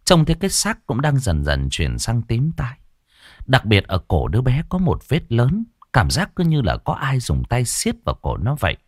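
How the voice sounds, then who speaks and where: A man narrating a ghost story in a dramatic, expressive way. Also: mid-range voice, moderate pace, dry recording, studio quality.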